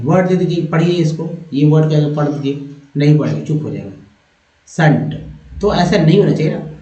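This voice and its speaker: A man teaching English reading in a phonics lesson, spelling words out letter by letter and repeating each one slowly while checking that viewers follow. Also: a little high, warm tone, echoey room, far from the mic, highs cut off. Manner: addresses viewers as friends, checks understanding. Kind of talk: slow phonics lesson in Hindi.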